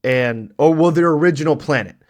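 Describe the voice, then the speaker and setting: A man's voice: on the high side, brisk. A man hosting a casual reaction chat, rambling on as he explains lore at length. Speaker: reaction show host.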